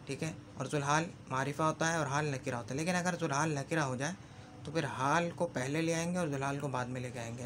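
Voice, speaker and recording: A man teaching Arabic grammar in a lesson, slowly repeating example phrases and often checking that the listener follows. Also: fairly high pitch, fairly bright tone, slight background noise. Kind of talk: explanatory lesson.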